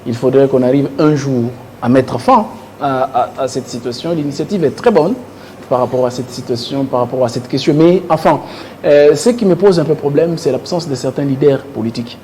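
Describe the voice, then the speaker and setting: This French-language political commentary comes from a panelist with a Congolese accent whose voice is mid-range, mellow and a little fast. He repeats words as he looks for how to say things, in a clearly noisy studio recording.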